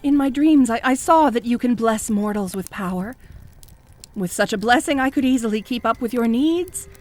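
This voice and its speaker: A woman playing a fanatical, jealous cult high priestess in an audio role-play, fawning and pleading with stammering devotion. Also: expressive, moderate pace, a little mellow, soft background music, close to an everyday voice. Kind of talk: scripted audio role-play addressed to the listener.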